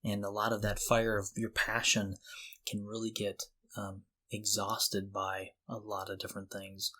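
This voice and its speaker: A middle-aged podcast co-host speaks casually yet earnestly, encouraging and motivating listeners and posing questions to them. His lowish voice is completely flat, a little slow, with a bright, forceful tone.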